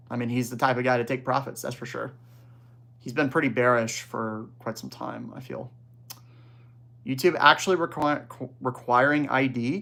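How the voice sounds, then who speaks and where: A man's voice: mid-range voice, fairly bright tone. A young man talks loosely into a desk microphone from his home streaming setup, hosting a livestream. He reads viewer messages aloud and answers them in easygoing, slangy banter, with the odd laugh. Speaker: livestream host. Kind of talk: casual livestream chat.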